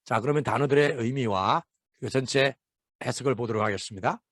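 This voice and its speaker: A man's voice: mid-range voice, fairly bright tone, dry recording. Man teaching Bible English, dry close mic. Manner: slow, careful reading of English phrases between explanations. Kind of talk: explaining Bible verses in an English lesson.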